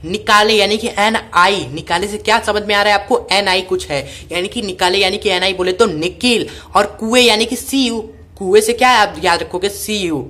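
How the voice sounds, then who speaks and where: A woman's voice: mid-range voice, a bit bright. Woman drilling chemistry mnemonics. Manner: repetitive, call-and-response drilling. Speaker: teacher.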